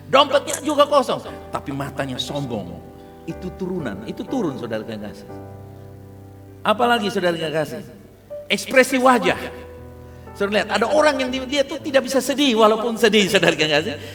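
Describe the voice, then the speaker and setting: A man pastor with a Kupang Malay accent preaches a sermon in a lively, humorous way, often turning to the congregation. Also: high-pitched. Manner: lively, humorous, addresses listeners as "saudara kasih" often. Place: large church hall. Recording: church service with long reverb.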